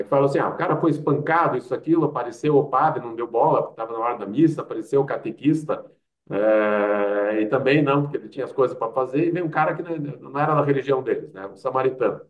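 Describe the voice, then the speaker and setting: In a conversational interview, a Brazilian-accented man who is a doctor and public health expert tells stories and explains himself using rhetorical questions and quoted asides. His mid-range voice sounds far from the mic, with the highs cut off.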